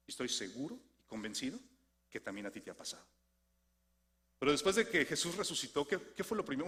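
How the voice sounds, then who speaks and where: A man with a Mexican Spanish accent preaching a sermon, swinging from lively questions to soft, low emphasis. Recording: long hall reverb.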